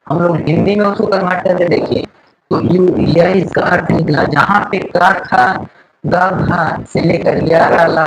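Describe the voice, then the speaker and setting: Over some background noise, a man with a somewhat high voice leads a slow English grammar class, repeating words and individual letters and asking the students questions.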